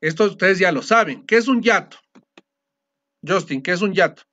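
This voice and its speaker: Male teacher, high voice, patient step-by-step explainer, dull lo-fi recording. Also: expressive, pushed and bright. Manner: explanatory, often checks understanding with a quick question. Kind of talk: classroom lecture.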